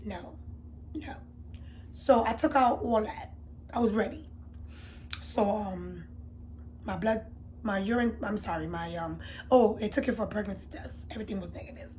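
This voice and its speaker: A woman telling a candid storytime to her viewers, chatty and confiding, swinging from loud emphatic bursts to low murmurs. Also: moderate pace, pauses often, a little hiss or hum. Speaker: beauty vlogger. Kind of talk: storytime vlog.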